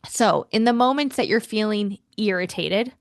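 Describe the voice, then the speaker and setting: A woman hosts a self-help podcast in a casual, expressive monologue and speaks to her listeners as friends. Her pitch sits in the middle range. The recording is dry and close. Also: normal speed, no echo. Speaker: podcast host and life coach.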